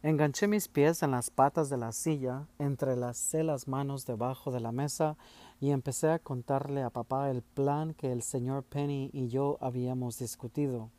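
A man reading a first-person story aloud in a measured, steady way. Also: medium pitch. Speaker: audiobook narrator.

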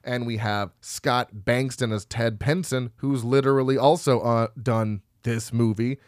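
A man's voice: mid-range voice, fairly even intonation, measured pace, no room sound, clean studio sound. Man casually reading film credits. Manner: rambling, laughs at himself, stumbles over names. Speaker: podcast co-host.

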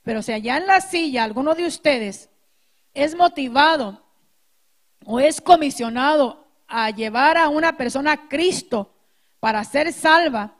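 A woman pastor teaching a sermon to her congregation, speaking through a sore throat and pausing to clear it. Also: sits high, expressive.

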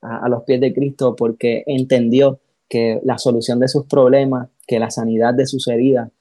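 A man with a dark, mellow voice telling his life story in an interview. He speaks with feeling and acts out the people he quotes, often repeating words as he goes. The sound is dry and close. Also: medium pitch, flat delivery, normal speed, dry recording, poor audio. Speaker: pastor, interview guest. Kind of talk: emotional personal testimony.

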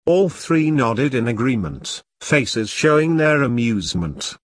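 A man reading a historical novel aloud as a narrator, in a steady storytelling manner. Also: mid-range voice, measured pace, no room sound, studio quality. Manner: steady storytelling read with dialogue. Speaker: audiobook narrator. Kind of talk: scripted narration.

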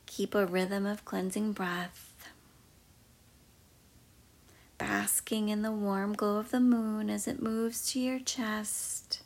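A woman guiding a meditation in a soft, slow, mostly whispered voice. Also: medium pitch, level tone, vocal fry. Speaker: meditation guide. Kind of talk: guided meditation.

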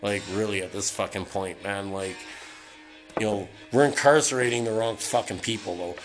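Solo host, a man from Canada: a foul-mouthed, rambling late-night rant, low-pitched, with a record playing behind him. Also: moderate pace, low-quality recording. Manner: swears constantly, heated and rambling. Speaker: solo podcaster ranting. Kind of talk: casual profane rant. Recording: music playing in the background. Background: music from a record player.

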